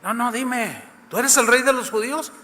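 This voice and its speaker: A preacher putting on an imperious Roman governor. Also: male voice, extremely high pitch, moderate pace, bright, forceful tone, big-room sound, voice pushed up. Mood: insistent. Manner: insistent, sarcastic questioning. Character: imperious Roman governor, man, pressing questions.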